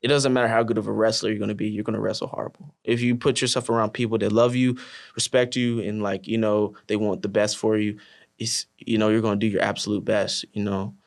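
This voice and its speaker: A young man with a somewhat low voice talks casually about his team. His speech is loose and full of fillers. It brightens and livens up when he retells funny moments. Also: fast, gravelly. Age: young adult. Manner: relaxed, many fillers like "you know", animated when telling stories. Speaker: college wrestler, team captain. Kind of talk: casual interview chat.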